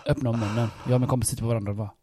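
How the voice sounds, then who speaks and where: A man's voice: medium pitch, steady tone, dark tone, slightly rough, no echo, clean studio sound. A man in his twenties co-hosting a podcast, joking bluntly and swearing in casual banter. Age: 20s. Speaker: podcast co-host.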